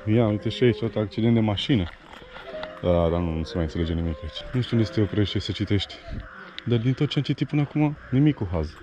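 A man's voice: on the low side, lively intonation, mellow, soft background music. A man in his thirties making a casual travel vlog outdoors, chatting and reading grave verses aloud, recorded on an action camera. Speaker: motovlogger. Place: outdoors in a village cemetery. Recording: outdoor camera audio with background noise.

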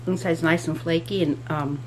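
Woman, mouth full, low voice, casual taste-test chat, savoring food, away from mic. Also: fairly even intonation, moderate pace, a little hiss or hum, rough recording. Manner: savoring, describing texture. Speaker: host's partner tasting food.

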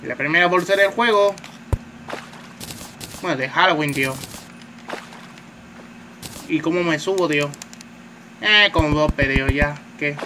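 A man talks his way through a game in a loose, chatty commentary, tossing in a filler word at every turn. His voice sits somewhat high for a man. A steady hiss of noise hangs behind a phone-mic recording. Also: a little slow, long pauses. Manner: chatty, says "tío" constantly, swears at enemies. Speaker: gamer. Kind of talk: casual gameplay commentary.

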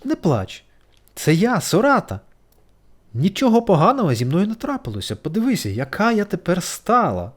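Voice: mid-range voice, huge pitch swings, moderate pace, pitched above the performer's own voice. A storyteller voicing a fretful, chatty female caterpillar who complains and whines in a bedtime story. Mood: cheerful. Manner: whiny, tearful complaining. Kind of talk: storybook character voice.

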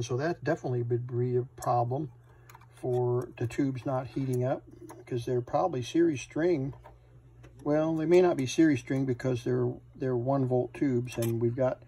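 A middle-aged American man who hosts a vintage radio repair channel demonstrates a hands-on fix in an indoor workshop full of electronics benches. His mid-range voice is a little mellow and slightly rough, and he talks casually, hesitating and thinking aloud as he works.

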